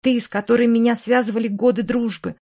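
A woman's voice: steady tone, fast, creaky, mellow. A woman reading an audiobook, voicing a jealous, hysterical widow who shrieks, sneers and sobs at her rival. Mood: furious. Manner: shrill, sneering, sobbing outbursts.

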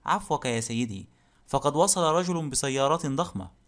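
A man's voice: mid-range voice, animated, normal speed, fairly bright tone, natural voice. A man voicing a deferential male servant who speaks hesitantly and respectfully in an audiobook. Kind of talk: audiobook character reading.

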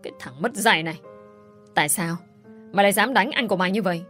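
A woman's voice: medium pitch, animated, a little fast, soft background music, close to an everyday voice. Woman doing a scolding mother-in-law. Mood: frantic scolding. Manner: scolding, exclaiming. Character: scolding middle-aged mother-in-law, shrill and fussy.

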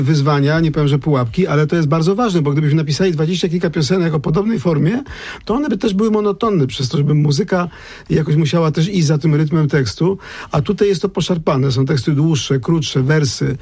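A man with a gravelly, somewhat higher voice talks through his ideas on a radio program, circling back and restarting his sentences. His tone is dark and mellow, and the sound is dry and close. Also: fairly quick, dry recording. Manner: thoughtful, digressive, many restarts. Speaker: lyricist and translator, guest. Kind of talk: radio conversation.

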